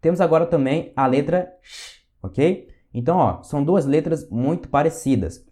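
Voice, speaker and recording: Brazilian teacher with a mellow voice. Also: male voice, on the high side, lively intonation, normal speed. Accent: Brazilian Portuguese. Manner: patient, reassuring, checks in with "ok?" and "tá?". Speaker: Russian language teacher. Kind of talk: online language lesson.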